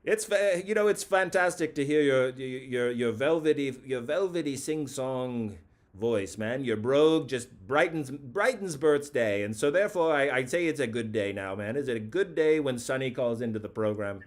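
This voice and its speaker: Here, a late-night comedy call-in host speaks in a mid-pitched, unhurried, animated way. Rambling with mock grandeur, he returns again and again to his own phrases, seeming to relish them.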